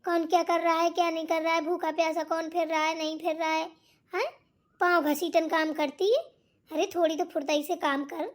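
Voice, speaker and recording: A woman's voice: very high-pitched, little pitch movement, brisk. A woman doing a nagging cartoon mother-in-law. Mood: scolding. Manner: nagging, scolding. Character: scolding bossy older mother-in-law. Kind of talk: cartoon voice acting.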